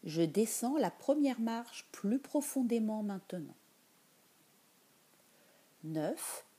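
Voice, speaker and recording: Breathy, slow-speaking meditation guide woman. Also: mid-range voice. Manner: soft, slow and soothing, drifting into whispers.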